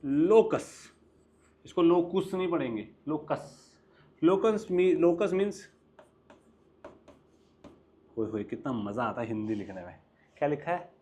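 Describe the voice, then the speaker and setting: A young man with an Indian accent teaching a maths class, lively and coaxing, often quizzing his students. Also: on the high side, takes it slowly, pauses often. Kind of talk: classroom lecture mixing Hindi and English.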